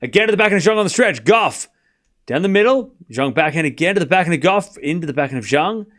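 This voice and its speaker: A man with an Australian accent does casual live tennis commentary, teasing his chat, bragging, and speaking right to them. His voice is a little high and a bit bright, quick-paced with lively intonation.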